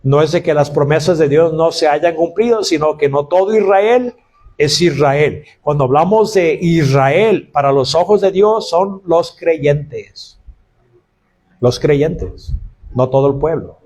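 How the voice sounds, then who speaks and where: A man's voice: on the high side, takes it slowly, a little mellow. A man preaching a sermon to his congregation, calling them brothers and acting out quoted cries of woe. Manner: preaching, addresses listeners as brothers. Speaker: pastor.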